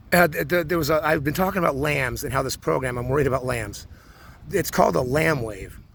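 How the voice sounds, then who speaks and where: Gravelly rambling man. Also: medium pitch, a bit bright, a little hiss or hum. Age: 40s. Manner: rambling, many restarts and repeated words. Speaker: vlogger. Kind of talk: rambling personal monologue.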